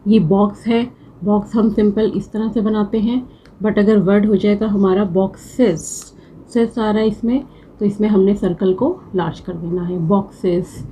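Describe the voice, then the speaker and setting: A woman's voice: mid-range voice, fairly even intonation, mellow, slight background noise, poor audio. A woman teaching a shorthand class, patiently repeating each word to drill it. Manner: patient, repeats words slowly to drill them. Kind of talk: slow classroom explanation.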